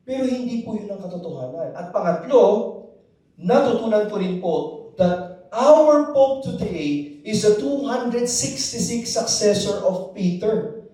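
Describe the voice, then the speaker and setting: Animated Filipino man testifying in an echoey hall. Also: high-pitched, a little slow. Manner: animated, switching between Tagalog and English, prompting the crowd to answer. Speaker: faith talk speaker. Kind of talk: personal testimony to a live audience. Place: large hall with a live audience. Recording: very echoey hall, voice from a distant mic.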